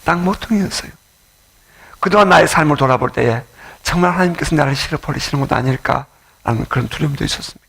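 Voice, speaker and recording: Pastor guy preaching with lots of feeling, high voice, kind of gravelly. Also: fast talker, a bit bright. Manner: emotional, dramatic preaching with storytelling. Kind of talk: sermon. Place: church.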